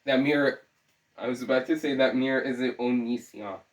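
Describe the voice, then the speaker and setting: A man's voice: mid-range voice, fairly even intonation, fairly quick. A young man with a sore throat giving scattered, joking commentary, often cutting himself off mid-thought. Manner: scattered, self-interrupting, joking. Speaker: video essayist. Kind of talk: rambling casual commentary. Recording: roomy, distant from the mic.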